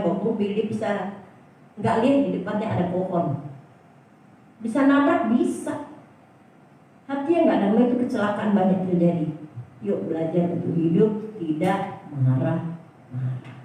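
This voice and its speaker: An older woman pastor preaching a sermon, lively, asking the congregation questions and repeating her key phrase. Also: on the low side, slight background noise. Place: church hall. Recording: echoey church from far off.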